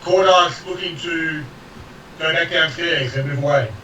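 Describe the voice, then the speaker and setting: A man's voice: on the high side, measured pace, bright, forceful tone, far from the mic. A man chatting casually as a player at a tabletop role-playing game. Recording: echoey, dull, noisy, off-mic.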